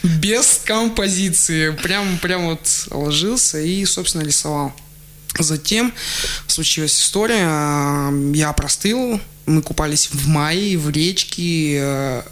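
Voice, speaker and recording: On a studio mic in a radio studio, a male guest shares childhood memories during a laid-back interview. His voice is a little high, and he talks in a chatty way, laughing a lot and filling his speech with fillers and restarts.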